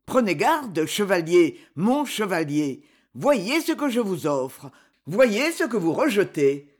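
A reader voicing a suspicious, commanding fifteen-year-old king in an audiobook, with stern, threatening lines and weighty pauses. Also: medium pitch, big pitch swings, darkish tone. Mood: pleading, warning. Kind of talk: audiobook character reading.

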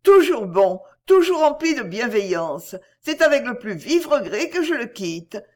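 A woman's voice: a little high, very animated, unhurried, a little mellow, voice pushed up. A woman reading aloud and voicing an emotional, tender young daughter who pleads through tears. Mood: tearful pleading. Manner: pleading, tearful.

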